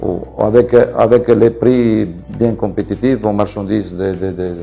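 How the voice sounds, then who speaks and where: A man's voice: lowish voice, fairly even intonation, a little slow, gravelly, mellow, slightly rough, faint music behind. A businessman from the Venice region with an Italian accent, presenting his companies in French with many fillers and restarts. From Venice region, Italy.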